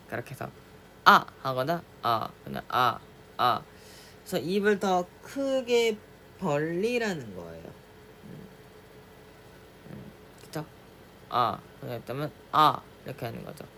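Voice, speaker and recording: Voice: mid-range voice, a bit bright, slight background noise. A teacher giving a casual spoken pronunciation lesson, repeating vowel sounds over and over to demonstrate them and slipping between casual and polite speech. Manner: mixes casual and polite speech, asks the listener to follow along.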